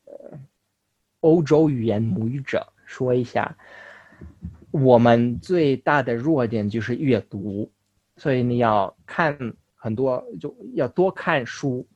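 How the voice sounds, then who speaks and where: A young man from Russia, a native Russian speaker, talks casually as an interview guest in foreign-accented Mandarin, halting and correcting himself. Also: mid-range voice, darkish tone, dry recording, highs cut off. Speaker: interview guest, language learner.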